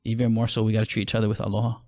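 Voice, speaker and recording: A man's voice: lowish voice, monotone, a little mellow. A man from Hawaii with a Hawaiian accent, chatting casually on a podcast, full of restarts and fillers. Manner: halting, many restarts and fillers. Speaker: podcast co-host, clothing brand owner.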